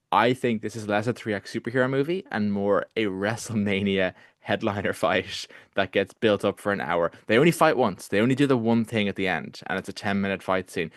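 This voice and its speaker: Lively argumentative man, dry close sound. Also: on the low side, no echo. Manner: animated, argumentative, lots of restarts and "like". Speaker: podcast co-host. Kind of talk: casual film-review chat.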